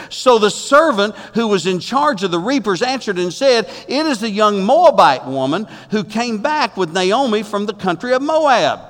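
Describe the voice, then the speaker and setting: A man preaches from the pulpit in a folksy, emphatic manner, his voice sitting a little high for a man. The sound carries a long reverb from the church sanctuary around him. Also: fairly bright tone. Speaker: pastor. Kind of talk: sermon.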